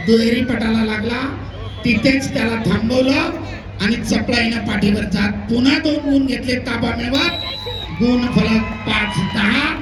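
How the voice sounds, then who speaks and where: Male announcer, loudspeaker PA, very high voice, energetic match calls, echoey open-air sound. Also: measured pace. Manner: energetic, calls points and warns wrestlers. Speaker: wrestling announcer. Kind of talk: live match commentary. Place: outdoor wrestling ground. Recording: echoey outdoor PA with loud crowd.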